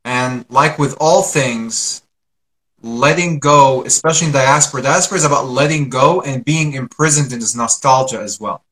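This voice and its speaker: A man hosting a conversational interview, putting questions deliberately and rephrasing them in careful pieces. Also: medium pitch, fairly bright tone, poor audio. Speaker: interviewer, host.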